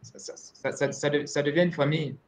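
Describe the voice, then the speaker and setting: A man's voice: a little high, fairly even intonation, a little fast. Hesitant man with crowd behind. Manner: hesitant, repeats words. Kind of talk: casual discussion.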